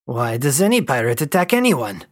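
A man's voice: medium pitch, sing-song, normal speed, dry recording, studio quality. A man voicing a defiant, foul-mouthed female space pirate who bites off each word. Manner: curt, spits out each word.

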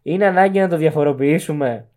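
Animated podcast co-host. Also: male voice, on the high side. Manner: animated, mocking outbursts. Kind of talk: casual chat.

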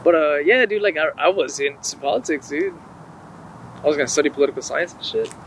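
A man's voice: on the high side, lively intonation, a little fast, a little hiss or hum, poor audio. A young man in casual podcast chat, talking like a frat bro with plenty of swearing and slang. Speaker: podcast host.

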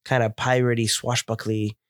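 Enthusiastic male podcast co-host with a head cold, mid-pitched, dry close mic. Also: level tone, normal speed, no echo. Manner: chatty, descriptive, enthusiastic. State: stuffed up with a cold. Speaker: podcast co-host reviewing beer. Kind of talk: casual chat.

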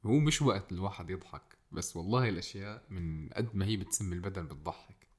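A man with a Jordanian accent, a guest in a casual podcast chat. He laughs often and trades quick friendly banter. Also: sits low, animated, breathy edge. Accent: Jordanian Arabic.

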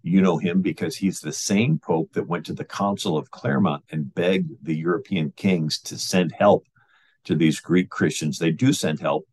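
Low husky man telling history. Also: normal speed, darkish tone. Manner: storytelling with many fillers and restarts. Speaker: history lecturer. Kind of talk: informal history talk.

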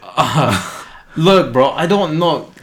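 A man's voice: on the high side, lively intonation, drawn-out words. Young man, slangy laid-back bro talk. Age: young adult. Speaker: podcast co-host. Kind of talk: casual chat.

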